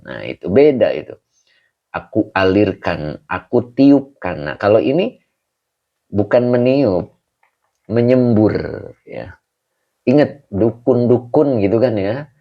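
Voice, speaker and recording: A man teaching an online Quran commentary class, explaining slowly and patiently and often chuckling. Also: medium pitch, lively intonation, vocal fry, muffled recording. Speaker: Islamic teacher.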